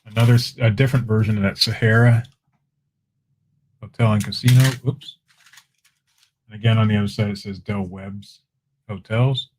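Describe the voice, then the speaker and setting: A man's voice: lowish voice, moderate pace, pauses often, slight background noise. A man running a casual live-stream auction, chatting with viewers as he shows items and calls bids. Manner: chatty, relaxed, talks to viewers in chat.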